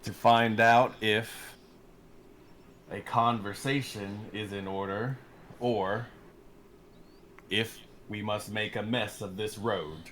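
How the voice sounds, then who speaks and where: A man's voice: on the low side, steady tone, slow, long pauses, fairly bright tone, a little hiss or hum. A man voicing a guarded male adventurer with dry, careful replies. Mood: wary.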